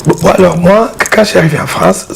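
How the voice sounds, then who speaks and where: A man, an art dealer and collector, explaining his pieces in a casual interview, halting and repeating words as he goes. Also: high-pitched, vocal fry. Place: exhibition hall with his collection. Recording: noisy background hiss.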